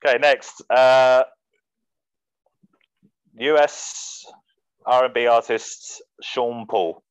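A man's voice: medium pitch, fairly even intonation, drawn-out words, clean tone. Laughing man hosting a podcast. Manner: laughs often, swears casually. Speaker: podcast host running a music list. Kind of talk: casual banter podcast. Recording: dull muffled sound, dry.

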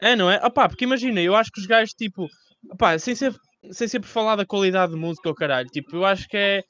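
Fast-talking young Portuguese man, clear voice. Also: high-pitched, fairly bright tone, no echo, dull audio. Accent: European Portuguese. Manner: informal, peppered with slang and swearing. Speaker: podcast host interviewing a rapper. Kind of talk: casual slangy chat.

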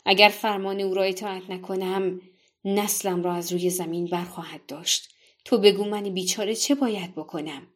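A woman's voice: medium pitch, fairly even intonation, lightly acted. A woman voicing a frightened male executioner who speaks hesitantly and apologetically in a told folktale. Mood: pleading.

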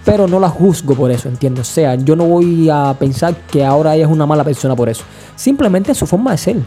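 A man hosting a podcast, giving measured, analytical commentary and often checking in with the listener. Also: fairly high pitch, animated, dark tone, soft background music. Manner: measured, analytical, often asks "you know?". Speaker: podcast host. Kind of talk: opinion commentary.

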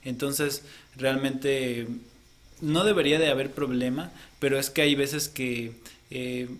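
A man's voice: medium pitch, steady tone, slow pace. A man co-hosting a casual podcast, explaining at length and often ending points with a questioning tag. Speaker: podcast co-host.

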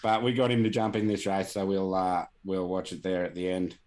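A man's voice: sits low, flat delivery, a little fast, a little mellow, slight background noise. A man hosting a podcast in casual chat, swearing and laughing through banter. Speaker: podcast host.

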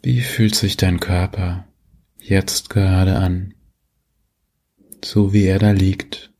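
Male sleep-meditation narrator. Very slow, deep, soft husky tone, gentle pauses. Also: flat delivery. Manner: soothing, gentle, unhurried, with long pauses. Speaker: meditation guide, host.

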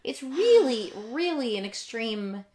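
A woman in her thirties co-hosting a casual podcast chat about books, enthusiastic and chatty with quick asides. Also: a little high, very animated, darkish tone. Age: 30s. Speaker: podcast co-host.

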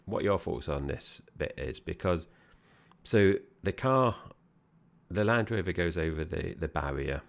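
A man's voice: very deep voice, vocal fry. A man co-hosting a podcast, chatting casually about a film and addressing his co-host directly. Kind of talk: casual film review chat.

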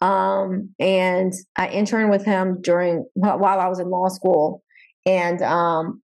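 A woman in her forties, a lawyer talking through her background in a relaxed, thoughtful way with many pauses. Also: fairly low pitch, gravelly. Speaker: guest, entertainment lawyer. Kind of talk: casual interview talk.

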